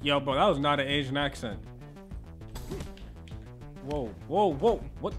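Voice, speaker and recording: Man, slightly high voice, very animated pitch, casual gaming commentary, jokes and slang. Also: unhurried, soft background music. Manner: joking, slangy, loud reactions. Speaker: gaming channel host.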